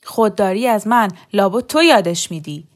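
A woman storyteller voicing an angry, threatening husband who shouts his accusations in a raised voice. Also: mid-range voice, close to an everyday voice.

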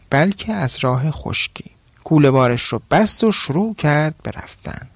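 A man's voice: mid-range voice, creaky, no room sound. A man narrating a folk tale as a podcast storyteller.

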